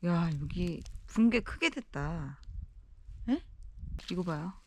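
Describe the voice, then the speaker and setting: A woman's voice: lowish voice, animated, slow, dark tone, a little hiss or hum. A woman talking casually to viewers on an outdoor vlog, nervously muttering to herself as she walks carefully. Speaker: solo backpacking vlogger. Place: outdoors in an icy valley.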